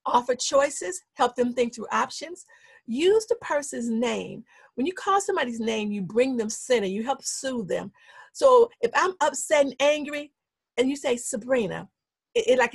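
A woman giving an instructional talk, setting out numbered steps in a steady coaching tone and repeating the key points for emphasis. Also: on the high side, vocal fry, slightly rough, no echo. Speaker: speaker teaching anger management.

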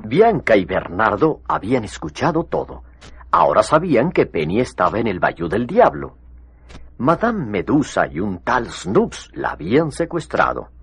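A man's voice: fairly low pitch, huge pitch swings, normal speed, fairly bright tone, husky, dry recording. A man reading scripted story narration as the narrator of a children's tale. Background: music.

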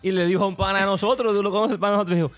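A man's voice: high-pitched, rapid-fire. A man telling funny anecdotes in a casual chat. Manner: animated anecdote teller. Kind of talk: casual comedic storytelling.

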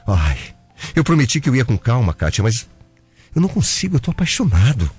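A man's voice: medium pitch, wildly swooping pitch, fairly quick, a little mellow, husky, faint music behind, exaggerated voice. An actor playing an obsessive, clingy young man who stalks his ex-girlfriend, in a Brazilian radio drama, smothering and falsely sweet. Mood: pleading.

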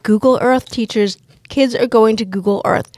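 A woman co-hosting a casual educational podcast, upbeat and chatty as she asks quick questions. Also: a little high, a little mellow, no echo. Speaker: podcast co-host.

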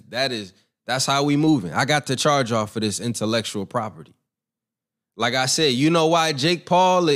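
Slightly high and a bit bright, this young man's voice carries a casual opinion piece on boxing. He hosts the commentary channel and rambles, swears, and sounds very sure of himself.

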